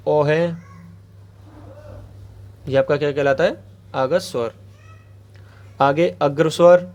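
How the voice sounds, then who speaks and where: A man's voice: a little high, a little mellow. A man teaching an exam-prep grammar lesson, asking questions aloud and answering them himself, with frequent check-ins to viewers. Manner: asks rhetorical questions then answers them; repeats a check-in phrase to viewers.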